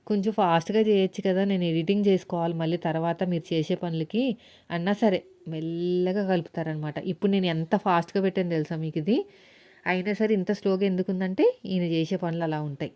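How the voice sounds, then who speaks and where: A woman's voice: fairly low pitch, mellow. A housewife vlogger chatting casually to her viewers while she cooks in her home kitchen, telling little stories as she goes. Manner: chatty, talks straight to viewers, tells stories. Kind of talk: casual vlog chat while cooking.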